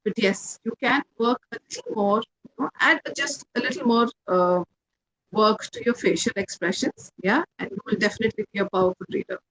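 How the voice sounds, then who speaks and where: A woman giving measured, encouraging feedback as a contest judge, with emphatic delivery. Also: a little high, fairly bright tone, a little hiss or hum, low-quality recording. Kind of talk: spoken feedback and award announcement.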